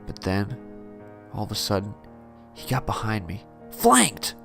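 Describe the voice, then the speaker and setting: A man narrating a parody horror story in a deadpan first-person telling. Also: on the low side, normal speed, over music.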